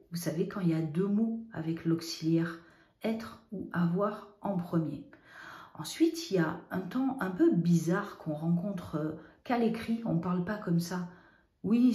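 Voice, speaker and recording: Female teacher, patient lesson voice, mellow tone, echoey room, spells out letters, asks and answers her own questions. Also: on the low side. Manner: stresses word endings by spelling them out letter by letter.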